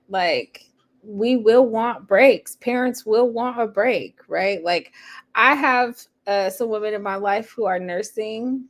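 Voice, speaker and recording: A woman guest, a priestess, speaking in a reflective, measured way in a casual online chat. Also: mid-range voice. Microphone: video call.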